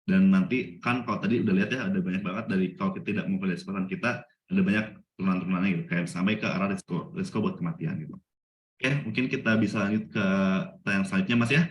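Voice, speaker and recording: A man's voice: sits low, racing, lo-fi sound. A man moderating a webinar over a video call, putting casual, slangy questions to the speaker. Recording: roomy echo.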